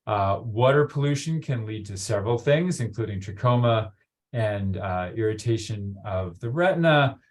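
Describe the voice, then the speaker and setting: A man's voice: on the low side, animated, moderate pace. A man giving a conference presentation in loose, unscripted talk with frequent fillers. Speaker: conference speaker.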